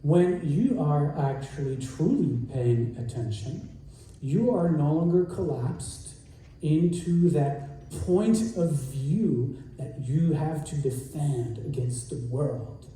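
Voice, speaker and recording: A man delivers a sermon slowly and earnestly, leaning on repeated phrases. His voice is dark and mellow. It is picked up from a distance in a very echoey room. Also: fairly high pitch, a little hiss or hum. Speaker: rabbi, guest speaker.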